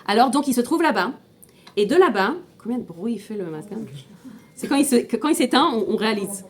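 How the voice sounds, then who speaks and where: A woman's voice: a little high, animated, brisk, a little mellow. A woman teaching an informal class, explaining step by step, asking her students questions and often restarting and repeating words. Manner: mixes in Hebrew terms.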